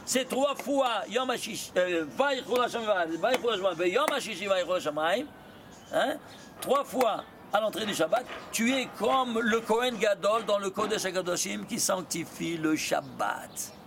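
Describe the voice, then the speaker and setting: A rabbi teaching a lively Torah lesson, quizzing his students with quick rhetorical questions and mixing in Hebrew terms. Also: sits high, background noise.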